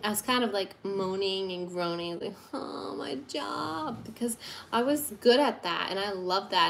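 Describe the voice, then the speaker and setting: At her home kitchen table, a thirty-something woman bakes while chatting and giggling on a phone-camera livestream. Her medium-pitched voice is a bit bright, with a little hiss or hum underneath.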